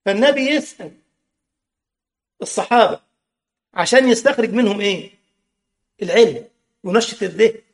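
A man's voice: high-pitched, expressive, moderate pace, long pauses. A man with an Egyptian Arabic accent preaching a sermon, impassioned, full of rhetorical questions and mocking asides.

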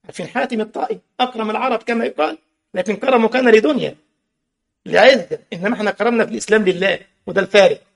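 This sermon comes from a man with an Egyptian Arabic accent whose high voice races along with vocal fry. He preaches with passion, firing off rhetorical questions and mocking remarks.

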